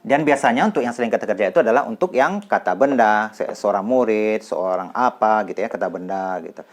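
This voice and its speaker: A man teaching English grammar in a casual classroom style, repeating example sentences slowly and clearly. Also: fairly low pitch.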